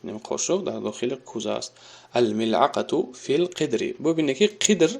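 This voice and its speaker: A man teaching a recorded Arabic grammar lesson. He reads example sentences slowly and then explains them at length, with fillers. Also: mid-range voice, animated, gravelly, a little mellow. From Tajikistan.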